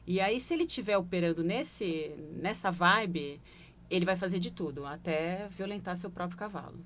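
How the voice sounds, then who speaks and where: Brief: Brazilian woman, low-ish pitch, reflective consultant, interview answers, light hiss. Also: lively intonation, moderate pace, a bit bright. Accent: Brazilian Portuguese. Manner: reflective, tags phrases with questioning asides. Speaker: corporate leadership consultant. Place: broadcast studio.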